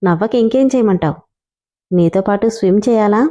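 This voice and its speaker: A woman's voice: medium pitch, normal speed, dark tone, lightly acted. A woman voicing an irritated young husband who scolds and mocks his wife. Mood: mocking. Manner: gruff, scolding.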